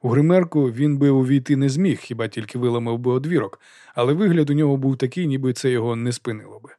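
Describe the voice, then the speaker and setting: A man reading a comic fantasy audiobook in an even storytelling voice. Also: medium pitch, fast, dry recording, studio quality. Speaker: audiobook narrator. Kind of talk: scripted narration.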